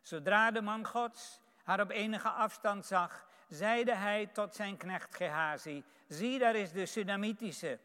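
A man's voice: high voice, a little slow, few pauses, clean tone. A man preaching a sermon, reading a Bible passage aloud and then reflecting on it. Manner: reads scripture aloud, then comments warmly on it. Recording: echoey hall.

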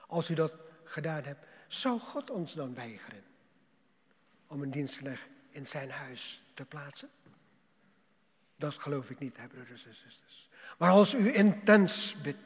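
Slow, impassioned preacher man in a hall. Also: a little high, husky. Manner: impassioned, swells loud then drops to a whisper; slow, deliberate, repeats "broeders en zusters". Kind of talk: sermon. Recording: long hall reverb.

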